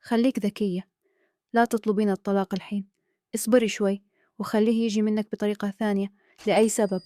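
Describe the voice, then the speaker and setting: A woman with a Kuwaiti accent voicing a calm, scheming man who speaks in a hushed, persuasive way. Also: mid-range voice, fast talker, no echo, studio quality, close to an everyday voice. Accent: Kuwaiti Arabic.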